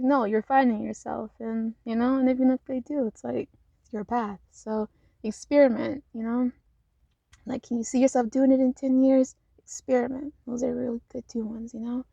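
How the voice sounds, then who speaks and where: A woman's voice: on the high side, warm tone, no echo, highs cut off. A woman vlogging casual life advice from her parked car, rambling with lots of fillers and frequent laughs.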